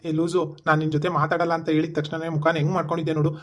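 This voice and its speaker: A man voicing a young lover in an animated comedy who talks to his girlfriend in a teasing, insistent way. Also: fairly high pitch, racing, lightly acted.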